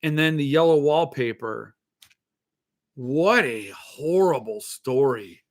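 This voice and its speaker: A man's voice: mid-range voice, lively intonation, takes it slowly. A man chatting casually about his interests as a show host, with a lisp that makes his s sounds slushy, thinking aloud hesitantly and drifting into asides. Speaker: host of a book-collecting show. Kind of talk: casual rambling chat.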